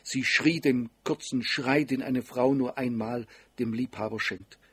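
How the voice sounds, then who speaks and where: Husky male audiobook narrator. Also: medium pitch, measured pace, dry recording. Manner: steady, even storytelling.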